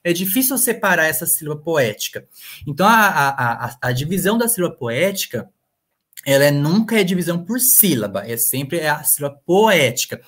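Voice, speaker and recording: A man's voice: a little high, very animated, normal speed, a bit bright. A male literature professor giving a live online lecture over a computer mic, hesitant and full of fillers and restarts.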